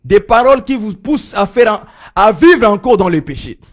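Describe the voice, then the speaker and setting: A preacher man delivering a sermon with a high, gravelly voice. His pitch rises and falls widely as he moves between loud proclaiming and quiet murmurs. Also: animated, normal speed.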